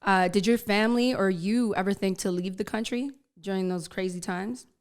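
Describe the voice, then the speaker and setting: A woman's voice: mid-range voice, normal speed. Upbeat woman hosting an interview. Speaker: interview host. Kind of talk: casual interview.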